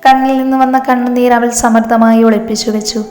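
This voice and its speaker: A woman's voice: on the high side, little pitch movement, brisk, darkish tone. Woman narrating a story in an echoey room. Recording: echoey room, long reverb, faint music.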